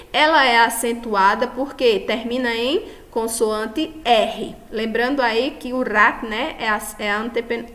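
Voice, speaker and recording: A Brazilian woman, a Spanish teacher, giving a recorded lesson, checking in with her students and stressing each example word. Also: on the high side. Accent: Brazilian Portuguese. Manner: affectionate, checks in often with the class; stresses example words loudly.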